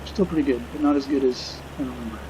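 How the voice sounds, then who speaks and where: A man's voice: mid-range voice, lo-fi sound, noisy background. A middle-aged man giving casual, unscripted flight simulator commentary, hesitant and musing as he goes. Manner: hesitant, musing, unhurried reminiscing. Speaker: video game streamer flying a simulator.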